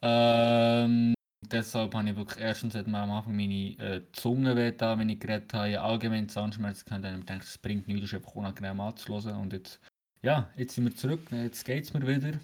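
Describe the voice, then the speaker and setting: A man's voice: fairly low pitch, fairly even intonation, fairly quick, darkish tone. Swiss German teenage guy talking with braces. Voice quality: talking with new braces, slightly hampered articulation. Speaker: podcast host. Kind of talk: casual podcast chat.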